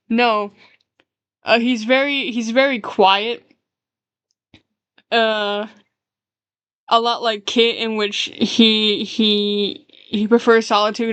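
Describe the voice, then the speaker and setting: A woman's voice: a little high, a bit bright, no room sound. A woman streamer chatting casually while drawing, rambling as she explains her characters. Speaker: streamer and artist.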